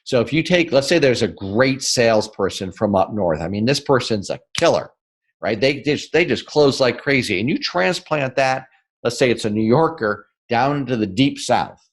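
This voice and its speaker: A man from the northern United States, a guest on an interview podcast, explaining sales technique in an energetic and emphatic way, often asking "right?" and speeding up or slowing down for emphasis. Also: mid-range voice, husky. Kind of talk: interview, teaching.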